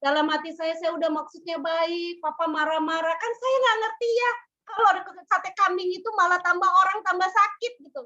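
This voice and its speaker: A woman preaching a sermon, telling personal stories in a lively way and acting out quoted voices. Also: very high voice, fairly quick, highs cut off. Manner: lively storytelling, acts out quotes.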